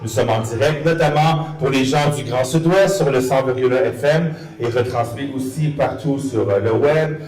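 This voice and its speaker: A man with a Quebec French accent hosts and interviews live, pausing often as he phrases things. His voice is medium in pitch. It comes through echoey and a little far from the microphone. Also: darkish tone. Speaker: radio host. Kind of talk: live event hosting and interviewing. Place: live event venue with an audience. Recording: echoey room, distant from microphone.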